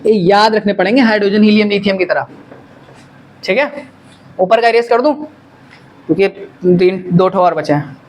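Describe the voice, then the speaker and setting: A man's voice: sits high, moderate pace, long pauses, darkish tone. Man teaching chemistry to a class. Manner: quizzing students, answering own questions. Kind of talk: classroom lecture.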